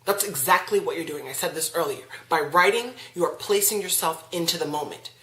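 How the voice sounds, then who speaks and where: A woman's voice: deep voice, a little fast, fairly bright tone. Emphatic woman teaching, echoey room. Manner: emphatic, repeats rhetorical questions. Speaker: class teacher. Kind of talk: spoken self-help lesson.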